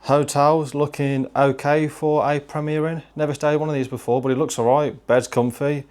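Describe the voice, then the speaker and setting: A man's voice: on the high side, flat delivery, normal speed, darkish tone, no room sound. Worn-out male game collector vlogging. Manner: chatty, tired, self-deprecating. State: worn out from driving. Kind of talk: casual travel vlog.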